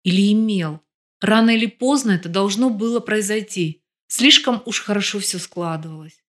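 A woman narrating an audiobook in a steady, even reading voice. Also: medium pitch, normal speed. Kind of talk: scripted narration.

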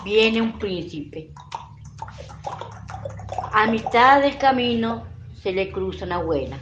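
A woman's voice: mid-range voice, animated, slow pace. A woman narrating an improvised fairy tale on community radio. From Argentina. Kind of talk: improvised storytelling. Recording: lo-fi radio recording with loud noise.

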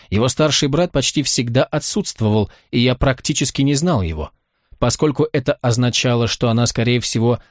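A man narrating a first-person audiobook in a dry, ironic, measured way. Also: mid-range voice, no room sound.

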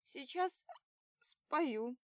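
A woman voicing a tipsy young woman who exclaims loudly and drags out her words. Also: sits high, animated, no room sound, studio quality, pitched above the performer's own voice, heavily acted. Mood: drunk, giddy. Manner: loud, drawn-out exclaiming.

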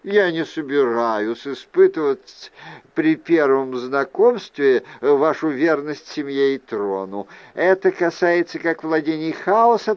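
A wary aristocratic aunt who is a sorceress, voiced by a male audiobook reader. She speaks slowly and deliberately, with a lifted pitch and pointed, probing questions. The recording is dry and a little dull. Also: no echo. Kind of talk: audiobook character voice.

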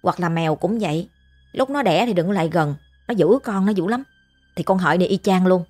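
A woman with a Southern Vietnamese accent telling a story in a chatty, animated way. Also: fairly low pitch, brisk, soft background music. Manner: chatty, animated, imitates pig squeals. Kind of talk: casual storytelling narration.

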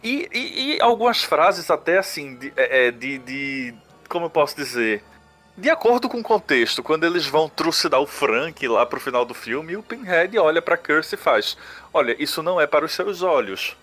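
A man's voice: fairly high pitch, big pitch swings, moderate pace, sharp tone, soft background music. Hesitant man on a podcast. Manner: hesitant, searching for words with many restarts. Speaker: podcast co-host. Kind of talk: casual podcast discussion.

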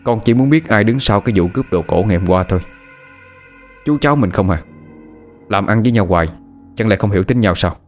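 A man voicing a young man who coaxes and persuades in a respectful, low-key way. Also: quick pace, long pauses, faint music behind, close to an everyday voice. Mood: coaxing. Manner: coaxing, respectful.

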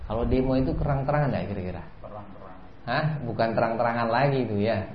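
A man's voice: medium pitch, quick pace. A man giving a sermon lecture, repeating a set phrase often and rising sharply for emphasis. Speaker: Islamic preacher. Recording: echoey, dull lo-fi lecture recording.

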